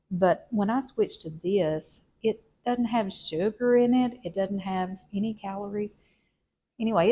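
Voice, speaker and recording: A woman's voice: medium pitch, a little mellow, slight background noise. Chatty woman in her fifties. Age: 50s. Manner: chatty, rambling, folksy, addresses viewers as y'all. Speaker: lifestyle vlogger. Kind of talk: casual home vlog chat. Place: her home, indoors. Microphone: wired clip-on mic.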